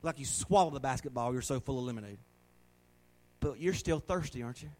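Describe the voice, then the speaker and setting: A man's voice: medium pitch, a little fast, a little mellow. A middle-aged man preaching a sermon in a folksy, conversational way, asking the congregation questions. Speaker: pastor.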